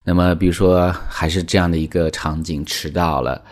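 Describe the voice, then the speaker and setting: A man's voice: low voice, steady tone, moderate pace. A man teaching English in a chatty, explanatory way, filling his talk with small connecting words. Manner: chatty, explanatory, frequent "那么" fillers. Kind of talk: language lesson explainer.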